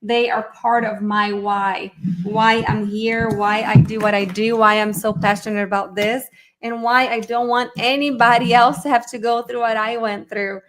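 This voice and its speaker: The recording is rough and echoey, carrying a woman's slightly high, fairly bright voice with fairly even intonation at a moderate pace. She's a middle-aged therapy educator with a Brazilian Portuguese accent, leading a casual live online presentation in a chatty, upbeat manner and reasoning aloud as she shares her screen.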